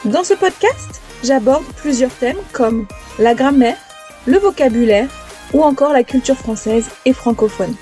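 A woman teacher reading a polished, scripted introduction to her podcast in a clear voice. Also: high-pitched, animated, measured pace, mellow. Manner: clear, polished delivery over an intro jingle. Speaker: French teacher and podcast host. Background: music bed.

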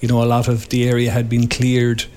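A man's voice: medium pitch, completely flat delivery, fairly quick, a little mellow, a little hiss or hum. An Irish man giving informal commentary as a sports editor in a live radio interview.

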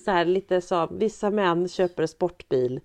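A woman co-hosting a casual chat over a video call, rambling with many fillers and restarts, from a small room full of guitars. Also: on the low side. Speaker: podcast co-host, mother.

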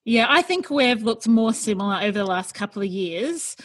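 A woman's voice: on the high side, expressive, moderate pace, a bit bright. An Australian-accented woman hosting a podcast in a casual, chatty interview style. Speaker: podcast host.

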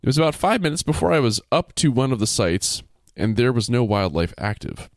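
A man's voice: mid-range voice, sing-song, fairly quick, no room sound, clean studio sound. A man co-hosting a casual podcast, reading a story aloud with playful jokey asides. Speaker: podcast co-host reading stories.

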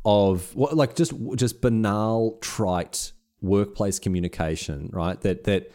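A man with an Australian accent, co-hosting a podcast and telling stories in a casual, animated way with frequent restarts. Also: fairly low pitch, slow. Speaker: podcast co-host. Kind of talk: casual chat.

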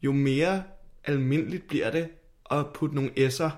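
A man's voice: medium pitch, a little mellow. A man, chatting casually as a podcast co-host. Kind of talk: casual chat.

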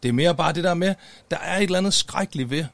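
A man's voice: fairly high pitch, creaky, a bit bright, no echo. A man in his forties co-hosting a casual podcast, blunt and swearing freely as he tells anecdotes. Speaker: podcast co-host.

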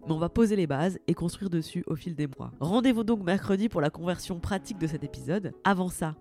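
Woman podcast host, lowish voice, talks straight to you, self-mocking, faint music under. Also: brisk. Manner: lively, direct, self-mocking, addresses listener as tu. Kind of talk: personal podcast monologue.

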